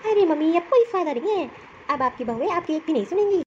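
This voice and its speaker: A woman's voice: extremely high pitch, animated, fast, darkish tone, highs cut off, slight background noise. A woman voicing a scheming young daughter in a cartoon story, gleeful and sly.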